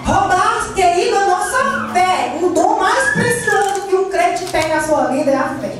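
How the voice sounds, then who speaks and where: In a large church hall captured from a distance with heavy echo, a Cearense woman pastor from Ceará, Brazil, delivers a fervent Pentecostal sermon amid music and congregation sounds. Her voice is extremely high and lively in intonation, yet she speaks unhurriedly, in Cearense Portuguese. She leads call-and-response and slips into sung phrases.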